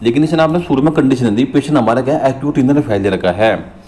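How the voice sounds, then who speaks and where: A man tutoring for nursing exams. He reads English questions slowly and explains them in Hindi, repeating terms and often checking in with his viewers as friends. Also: mid-range voice, a little mellow, a little hiss or hum. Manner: addresses viewers as friends, frequent "theek hai" check-ins. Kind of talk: exam question walkthrough.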